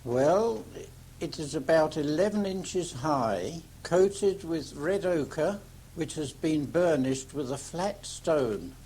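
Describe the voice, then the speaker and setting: Slow, mellow man explaining. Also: a little high. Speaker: local potter being interviewed. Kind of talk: measured explanatory interview answers. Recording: amateur 1985 tape with hum.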